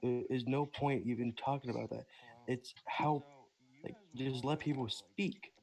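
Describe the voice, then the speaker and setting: A man with an average-pitched voice calls into a casual group debate. He has a speech impediment and pronounces r as w. His way of talking is blunt, with casual swearing. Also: fairly even intonation, unhurried, gravelly, darkish tone, poor audio. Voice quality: speech impediment, can't pronounce R's, says w for r. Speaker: caller.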